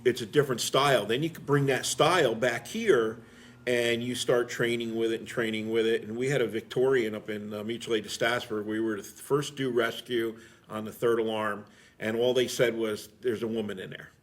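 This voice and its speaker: Here the veteran firefighter talks at a normal speed, his medium-pitched voice fairly even in intonation. As a middle-aged interview guest, he rambles casually through stories, plain-spoken and heavy on filler phrases.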